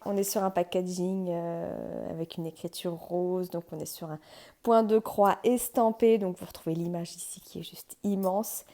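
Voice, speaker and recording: Excited, giggly woman unboxing. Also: on the low side, normal speed. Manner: bubbly, excited, laughs often. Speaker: crafts channel host. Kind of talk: casual unboxing vlog.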